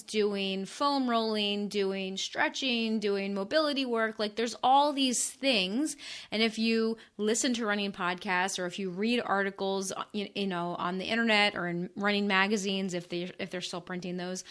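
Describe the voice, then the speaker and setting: A woman's voice: mid-range voice, fairly bright tone. A woman co-hosting a running podcast, talking in an earnest, encouraging casual chat. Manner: earnest, encouraging, frequent "like" and "yeah". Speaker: podcast co-host.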